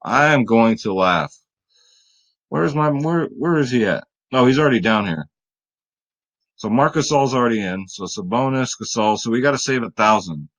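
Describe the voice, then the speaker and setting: A man's voice: mid-range voice, normal speed, rough recording. A man hosting a fantasy sports picks video, talking casually and straight to his viewers, tired late at night. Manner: chatty, hype-building, talks straight to viewers.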